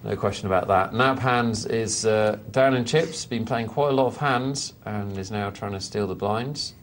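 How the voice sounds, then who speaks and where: A man's voice: on the low side, moderate pace, slight background noise. A man commentating live poker with dry, self-mocking humour and banter.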